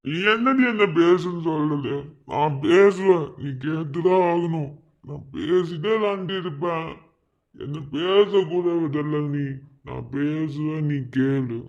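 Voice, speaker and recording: A man's voice: fairly high pitch, steady tone, slow pace, gravelly, darkish tone, dull audio. A man voicing a heartbroken young man in a cartoon, pleading insistently with his ex-lover in a Madurai Tamil accent. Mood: bitter. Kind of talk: cartoon voice acting.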